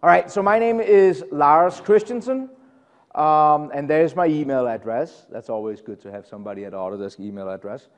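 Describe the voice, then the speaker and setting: A middle-aged Danish man with a Danish accent presents a technical session in a conference room, keeping it casual and chatty with plenty of fillers and self-deprecating remarks. His voice is on the high side and animated, at a moderate pace, with a long reverb tail.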